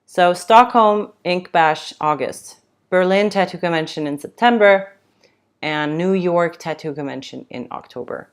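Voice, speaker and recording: A woman's voice: lowish voice, unhurried, clean tone. A young woman hosting a casual livestream chat, reading out comments and rambling with many fillers and restarts. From Sweden. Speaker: tattoo livestream host.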